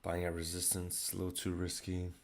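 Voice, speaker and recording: Live-streaming his day trading, a raspy-voiced young man offers low-key, casual commentary as he thinks aloud, his delivery completely flat and brisk.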